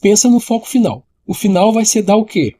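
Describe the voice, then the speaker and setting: A man's voice: high-pitched, lively intonation, a little fast, mellow. A man, explaining an English grammar lesson directly to the viewer and repeating key points. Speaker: English teacher.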